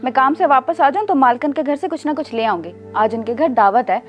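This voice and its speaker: A woman's voice: high voice, expressive, fairly quick, over music. An actress playing a poor, humble housemaid and mother who pleads and apologizes. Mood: weary. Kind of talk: amateur drama acting.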